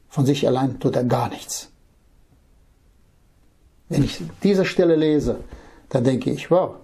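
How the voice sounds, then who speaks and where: A man preaching a Bible-teaching sermon, reading scripture verses slowly and then explaining them, earnestly speaking straight to the listener. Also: mid-range voice, mellow, slightly rough. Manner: earnest, addresses listener directly with "ja?".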